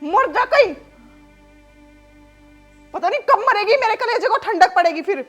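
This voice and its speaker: A cruel, arrogant daughter-in-law, played by a woman, scolds and sneers in a harsh, contemptuous voice. Her pitch sits very high and shrill. Faint music plays behind her in this drama sketch. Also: moderate pace, sharp tone. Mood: scornful.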